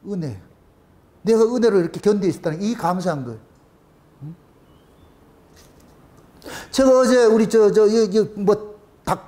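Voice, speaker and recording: A middle-aged male pastor preaching a sermon in a colloquial, animated way, with rhetorical questions and bursts of laughter. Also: sits high.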